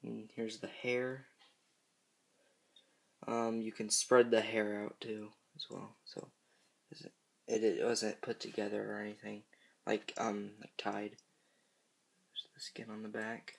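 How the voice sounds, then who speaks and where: Teen guy doing a casual review, kinda rambly and hesitant, pretty flat creaky voice. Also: lowish voice, a little slow, long pauses. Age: teenager, fifteen. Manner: hesitant, rambling, self-correcting. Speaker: reviewer of horror movie masks. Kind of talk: casual, unscripted product review.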